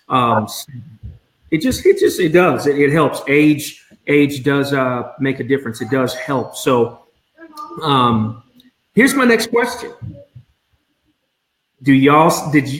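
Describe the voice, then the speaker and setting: Host, male, 40s, lively interviewer, roomy echoey sound. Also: a little high. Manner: animated, repeats and restarts phrases. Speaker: podcast host. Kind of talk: conversational interview. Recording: roomy echo, faint noise.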